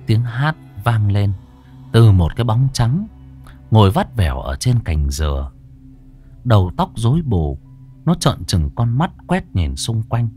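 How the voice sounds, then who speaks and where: A man narrating a ghost story in a measured, dramatic storytelling manner. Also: on the low side, sing-song, warm tone, faint music behind.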